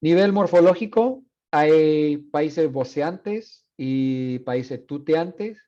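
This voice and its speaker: A male university instructor giving a classroom lecture, mixing Spanish with English and pausing often on fillers. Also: on the high side, mellow, highs cut off. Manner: switches between Spanish and English, halting with many fillers.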